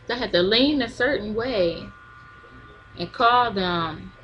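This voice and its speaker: A woman's voice: medium pitch, slow pace, fairly bright tone, dull audio, slight background noise. A young woman tells viewers a story in a casual, chatty vlog, laughing often. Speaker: vlogger.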